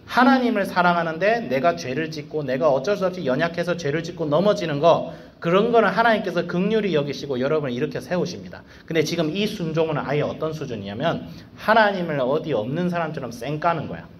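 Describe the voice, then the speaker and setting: A man serving as a school evangelist, giving a casual devotional sermon to students in a slangy, animated way full of rhetorical questions. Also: on the high side, a little hiss or hum.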